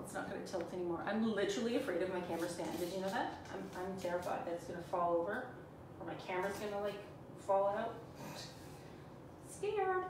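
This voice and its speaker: Sitting on the floor in a small indoor room, a Canadian furniture painting tutor in her forties chats with viewers through a live demo, poking fun at herself as she paints. Her voice is medium-pitched, picked up by a camera on a stand a few feet away, with the mic far off in an echoey room and a noisy background.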